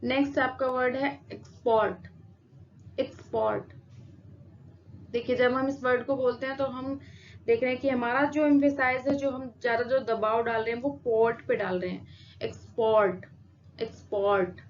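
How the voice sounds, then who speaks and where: Woman teacher, slow patient lesson, fairly high voice, dull lo-fi audio with faint hiss. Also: steady tone. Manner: slow, patient, repeats example words. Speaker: English teacher. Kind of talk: explanatory lesson. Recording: dull lo-fi sound with faint noise.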